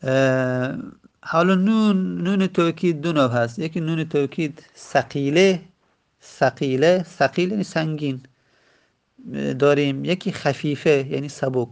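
A man gives a grammar lesson in a slightly high, gravelly voice. He repeats each example and stretches it out slowly. Hesitant fillers break up his explanations. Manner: slow, repeats words and drawls examples. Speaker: teacher.

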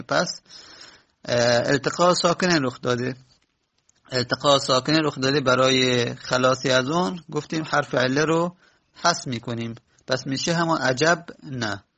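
A man teaching a lesson, explaining step by step in a slow, methodical way, stretching out example words, pausing on fillers and correcting himself. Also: medium pitch, vocal fry, a bit bright, lo-fi sound. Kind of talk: classroom lesson on verb patterns.

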